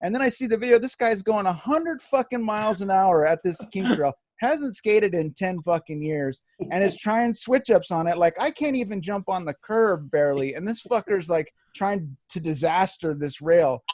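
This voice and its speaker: A man's voice: high-pitched, normal speed, darkish tone, dry recording, clean studio sound. A man in his thirties, a podcast co-host telling rambling, profane stories in casual chat. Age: 30s.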